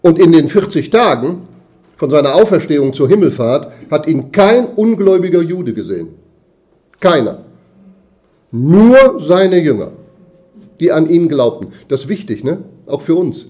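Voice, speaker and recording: Preacher with a dark, mellow voice. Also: male voice, fairly high pitch, sing-song, measured pace. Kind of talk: sermon.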